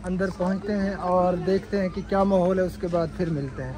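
Filming himself on a phone at arm's length, a male vlogger from Pakistan narrates outdoors among village fields and a courtyard. He speaks briskly in a high, warm voice, though the recording quality is low. His manner is chatty and pious as he points things out to viewers.

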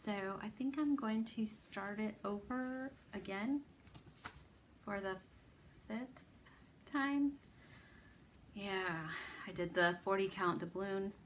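A woman's voice: mid-range voice, slow, pauses often, a little hiss or hum. A woman hosting a needlework video, chatting casually about her stitching projects in a rambling, self-deprecating way. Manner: rambling, self-deprecating, lots of ums and restarts.

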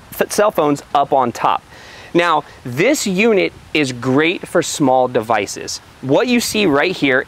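A man in his thirties talks casually to camera as a gear reviewer. His voice sits a little higher than average and has a crackly, gravelly fry. He is recorded outdoors on a small mic that adds hiss. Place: outdoors at an open car tailgate. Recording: loud hiss from poor microphone.

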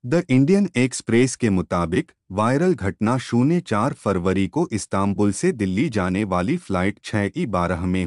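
A man reading a news story as a scripted voice-over in a measured way. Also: lowish voice, a little mellow, dry recording, clean studio sound. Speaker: news narrator.

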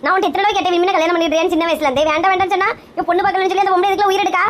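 A woman's voice: extremely high pitch, fairly even intonation, rapid-fire. A woman playing a brash, melodramatic middle-aged mother in a comedy skit, bossy and scolding, with a Kanyakumari Tamil accent.

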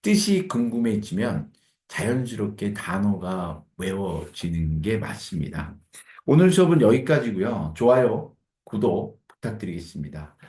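A man's voice: lowish voice, big pitch swings, warm tone. Korean man drilling words in an echoey room. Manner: drills words slowly, repeating syllables. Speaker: English teacher. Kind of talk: pronunciation lesson.

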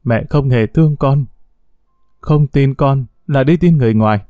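A man voicing a sulky, defiant young woman who whines and shouts back at her mother. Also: medium pitch, moderate pace, dry recording, lightly acted.

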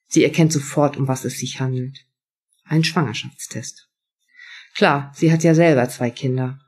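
A woman's voice: low-pitched, a little mellow, breathy edge. A woman author reading first-person prose from her own novel at a live event.

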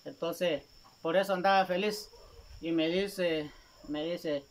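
A man, a vlogger speaking casually to his viewers in a gravelly voice, rambling and repeating himself as he recounts a conversation. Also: on the high side, fairly even intonation, takes it slowly, slight background noise. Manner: rambling, repeats "me dice" often.

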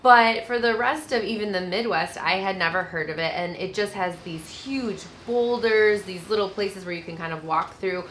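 A woman in her thirties chatting casually as a travel vlogger, seated outdoors beside a camper with a relaxed, friendly manner. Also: mid-range voice, moderate pace, few pauses, slight background noise. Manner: relaxed, friendly, with easy laughs.

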